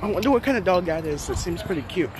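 Filming their own dog outing at an outdoor dog park, a vlogger chats off the cuff in a slangy, musing way and talks to the dogs. The voice is mid-range, lively, and fast, recorded on a handheld phone behind the camera amid open-air noise and bystander chatter.

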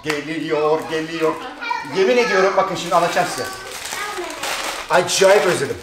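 A man with a Thracian Turkish accent hosting a casual vlog, excited and chatty, laughing often. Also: a little high, normal speed, reverberant, heavy background noise. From Turkey. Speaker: vlog host.

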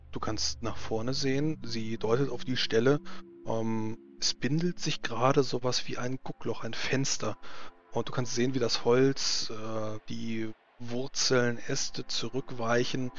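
A man's voice: medium pitch, a bit bright. A man narrating a tabletop role-playing game as game master, searching for his descriptions. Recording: slightly muffled mic with faint noise.

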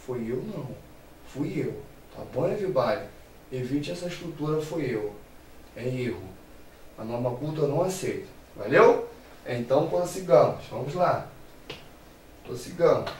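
A male teacher with a Brazilian accent gives a playful, animated grammar lesson, asking and answering his own questions. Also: mid-range voice, moderate pace, pauses often, reverberant, recorded from a distance, a little hiss or hum, poor audio. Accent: Brazilian Portuguese.

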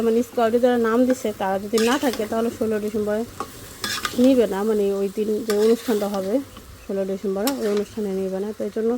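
A woman, narrating her day as she cooks at home. Her voice sits a little high, and she talks in loose, rambling runs full of fillers. A faint sizzle of frying food can be heard behind her. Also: background noise. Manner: chatty, rambling, many fillers. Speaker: vlogger. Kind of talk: casual home vlog narration while cooking. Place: home kitchen and yard.

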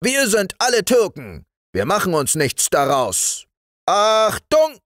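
A man voicing a gruff, bossy toy-soldier sergeant who barks commands in a storybook reading. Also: high-pitched, wildly swooping pitch, slow pace, a bit bright, dry recording, clean studio sound, voice pushed up, heavily acted. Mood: commanding. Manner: barked commands.

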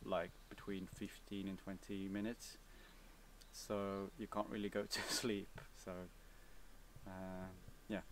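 Young Swedish-accented man, casual and halting, level low delivery, recorded outdoors from a few feet away. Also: recorded from a distance, a little hiss or hum. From Sweden. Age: young adult. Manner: relaxed, hesitant, many fillers and restarts. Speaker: vlogger. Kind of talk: casual Q&A answers. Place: outdoors, seated on a cabin bench by woods.

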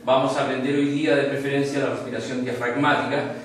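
A man's voice: little pitch movement, fast talker, heavy reverb, far from the mic, rough recording. A Chilean man teaching an online course on voice projection, demonstrating voices as he lectures. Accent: Chilean Spanish. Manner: demonstrates voices, shifting pitch and tension to illustrate. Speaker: voice and speech instructor.

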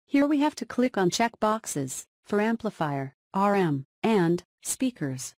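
A woman's voice: mid-range voice, sing-song, takes it slowly, darkish tone, no room sound. Woman narrating tutorial in dry sound. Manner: short, segmented instructional phrases. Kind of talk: step-by-step instructional narration.

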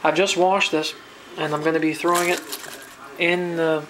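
Poor audio with a bit of hiss or hum carries a man's high-leaning voice at a moderate pace. He's a home cook from New Brunswick, Canada, rambling easily in a casual kitchen vlog on a handheld camera, with lots of fillers and restarts.

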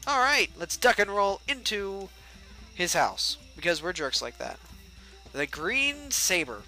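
A man's voice: sits high, sing-song, measured pace, pushed and bright, soft background music, low-quality recording. A young man giving casual, joking let's-play commentary and chatting at the game's characters. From United States. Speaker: gameplay livestreamer.

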